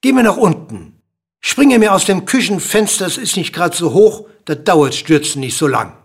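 A man reading aloud and voicing a demanding, impatient king who calls out his orders loudly. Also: high voice, expressive, moderate pace, husky, pitched above the performer's own voice.

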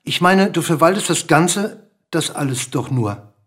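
A man voicing a small grey bird in a storybook reading, with a hoarse, hissing, bossy manner. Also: a little high, animated, a little slow, fairly bright tone, voice pushed up, full character voice. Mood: coaxing, lecturing. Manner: insistent, lecturing, bossy.

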